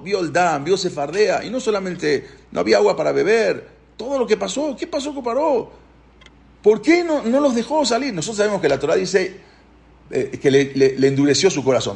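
A man's voice: a little high, gravelly, darkish tone. A man teaching a Torah lesson, telling the story dramatically and asking his listeners questions.

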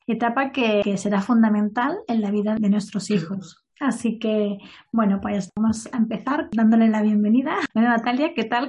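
A woman's voice: on the high side, darkish tone. A woman hosting a family podcast, opening with a read introduction and then chatting with her guest as a welcoming interviewer. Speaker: podcast host.

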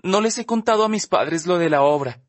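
A man puts on a teenage girl in an audiobook, defensive and ashamed and crying as she talks. The voice is pitched well above his own, sobbing and pleading, with a close, dry sound. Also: animated, brisk, no echo. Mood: tearful. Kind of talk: audiobook character voice.

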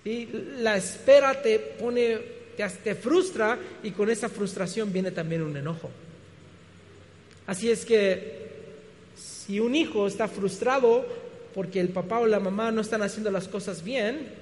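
A man preaches in a very high voice, throwing out rhetorical questions and stumbling over restarts. His sermon rings through a hall with a long echo. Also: a little slow. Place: church hall. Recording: reverberant hall.

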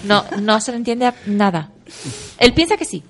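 A woman co-hosts a casual podcast in a mid-pitched voice. She talks in an opinionated, teasing way. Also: very animated, moderate pace, fairly bright tone. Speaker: podcast co-host. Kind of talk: casual chat.

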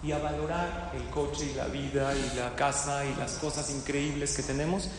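A man giving a sermon to a live audience, telling stories lively and putting questions to his listeners. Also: mid-range voice, moderate pace, noisy background. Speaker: religious teacher. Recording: echoey hall with long reverb.

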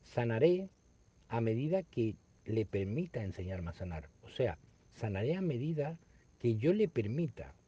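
A man, reading a spiritual text aloud and explaining it in an unhurried, reflective way that repeats phrases. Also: medium pitch, sing-song, dark tone, breathy edge. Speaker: spiritual study teacher. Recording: dull lo-fi recording.

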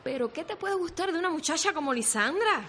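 A woman's voice: very high voice, animated, a little fast, a bit bright, slight background noise. An actress playing a frank, level-headed teenage girl who teases her friend. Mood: blunt.

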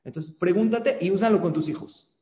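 A man gives a religious class as a rabbi in an animated lecturing manner, often turning to his listeners with questions. His voice sits on the high side yet sounds mellow. The recording carries a roomy echo with a long reverb tail. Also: brisk. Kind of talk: religious lecture over a video call. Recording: echoey room with long reverb.

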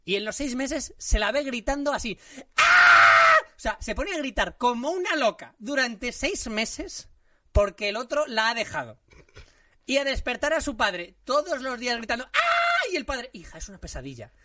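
A man from co-hosting a comedy podcast, talking animatedly and breaking into loud rants. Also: extremely high pitch, normal speed, dry recording, studio quality, far from the mic. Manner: animated, rants and shouts when impersonating. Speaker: podcast co-host.

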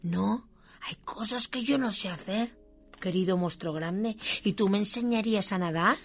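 Gentle little monster from a storybook voiced by a woman, soft, hushed, gravelly edge. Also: mid-range voice, normal speed, faint music behind.

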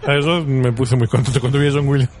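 A man's voice: mid-range voice, fairly even intonation, quick pace, a little mellow, slight background noise. A young man with an Argentine accent, co-hosting a casual podcast and joking around with his friend. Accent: Argentine Spanish. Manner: joking, mimics friends with exaggerated voices. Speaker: podcast co-host.

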